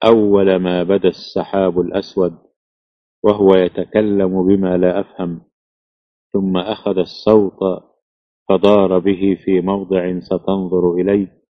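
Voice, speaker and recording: A man reading a classical text aloud in a slow, measured, even recitation. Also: sits low, dry recording. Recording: dull lo-fi, dry.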